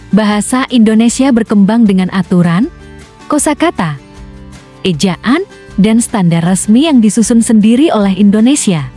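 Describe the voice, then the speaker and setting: A woman host reading a scripted news commentary in a smooth, even manner. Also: on the high side.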